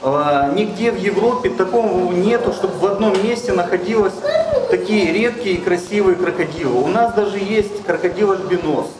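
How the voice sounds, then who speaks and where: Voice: medium pitch, normal speed. A crocodile park guide explaining the animals to visitors in an informative, matter-of-fact way. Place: crocodile exhibit. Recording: echoey with a crowd around.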